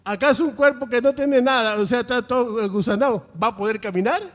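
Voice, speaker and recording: A man's voice: extremely high pitch, a little fast, in a large hall. A male pastor preaching a sermon, emphatic and full of rhetorical questions.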